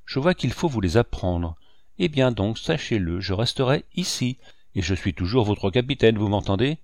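A man voicing a cunning old pirate captain in an audiobook, calm and mocking in manner. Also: fairly low pitch, normal speed, no room sound, clean studio sound. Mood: sly. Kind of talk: audiobook reading.

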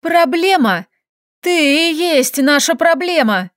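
A woman's voice: sits high, animated, slow pace, a bit bright, no room sound, clean studio sound, voice pushed up, heavily acted. A woman playing a wronged young heroine. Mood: furious. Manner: tearful, accusing outbursts.

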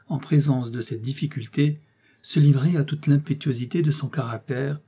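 A man reads a classic novel aloud as an audiobook narrator, measured and wry. His voice is dark and husky at a middle pitch. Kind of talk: scripted narration.

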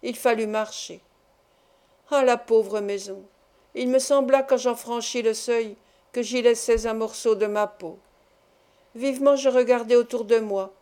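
Female audiobook narrator, slightly high, mellow, measured. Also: fairly even intonation.

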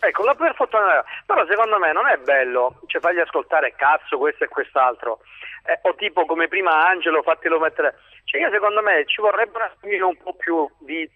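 A man's voice: fairly high pitch, lively intonation, fairly quick, dry recording. A man calling in to a radio show, earnest and moralizing about the show's swearing. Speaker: caller. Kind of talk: phone-in complaint. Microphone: telephone. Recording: tinny phone line.

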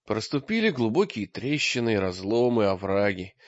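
A man reading an audiobook in expressive scripted narration, recorded with a dull lo-fi sound. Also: on the low side, normal speed, no echo. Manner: lively, expressive storytelling.

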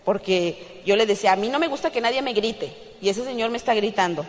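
A woman's voice: mid-range voice, expressive, brisk. Mexican lady telling her story at a convention, acts out the dialogue, laughs a lot, big echoey hall. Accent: Mexican Spanish. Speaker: speaker at a business convention. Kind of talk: testimonial speech to an audience. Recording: long hall reverb.

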